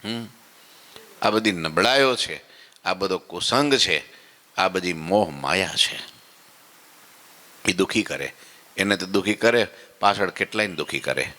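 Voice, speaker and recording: A man's voice: sits low, animated, a little slow, pauses often, sharp tone, in a large hall. A man giving a devotional sermon, folksy and conversational, acting out listeners' complaints and asking if they follow. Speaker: swami giving morning katha. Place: temple hall.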